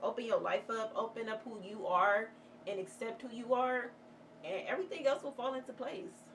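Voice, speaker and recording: A woman's voice: a little high, normal speed, a bit bright. A woman vlogger chatting candidly while doing her makeup, rambling and heartfelt, swearing freely as she gives motivational talk. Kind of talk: casual get-ready-with-me chat. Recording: distant mic with clear background noise.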